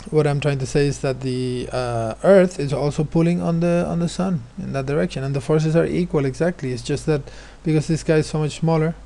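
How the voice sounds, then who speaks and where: A man's voice: on the high side, fairly quick, creaky, hardly any pauses, mellow. A male teacher explaining physics exam questions, hesitant, with many fillers and restarts. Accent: non-American, his remark says so.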